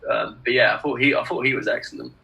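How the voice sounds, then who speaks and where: A man on a film review panel chatting casually over a video call, emphatic and quick to repeat his praise. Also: medium pitch, steady tone, creaky, bright, forceful tone, low-quality recording. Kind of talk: casual roundtable chat.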